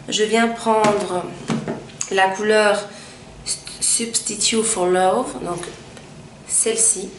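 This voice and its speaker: In a casual makeup tutorial, a young woman with a medium-pitched voice narrates each step, pausing often and filling gaps with small fillers. The room is large and echoey, and a faint ambient hum runs beneath her.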